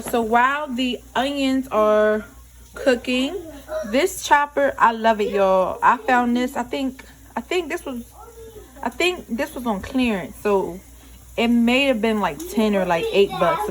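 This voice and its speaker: A woman's voice: a little high, background noise. A young adult woman chatting casually to viewers while cooking in her home kitchen, folksy and talkative. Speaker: cooking vlogger.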